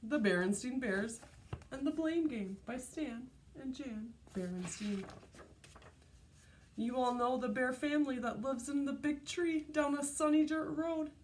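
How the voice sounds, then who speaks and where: Reading a storybook to young children like a teacher, a high-voiced woman is expressive and deliberate and prompts her listeners. A little hiss or hum sits under the audio.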